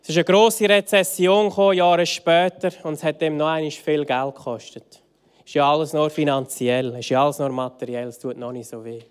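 A man leading worship, telling a story as a sermon and moving between emphatic loud phrases and hushed soft ones. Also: fairly high pitch, steady tone, a little fast, clean tone.

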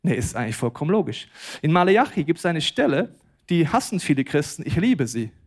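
A man preaching a sermon, swinging from quiet to loud and emphatic. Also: on the high side, very animated, brisk. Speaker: pastor.

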